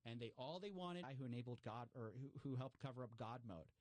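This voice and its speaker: A man speaking casually as an interview guest, talking at a mid pitch with loose phrasing and plenty of "like" and "you know." He gets lively whenever he quotes other people. The sound is dry and close, with no room echo. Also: fairly quick. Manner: animated, acts out quoted remarks with raised pitch; many fillers and restarts. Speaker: guest commentator on fraud stories.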